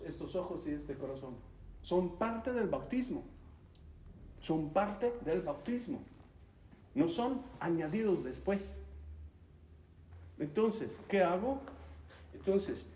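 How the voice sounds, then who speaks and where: A man giving an emphatic teaching talk to a group, animated and repeating key words. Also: high voice. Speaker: speaker teaching on faith. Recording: roomy hall, distant mic, faint hum.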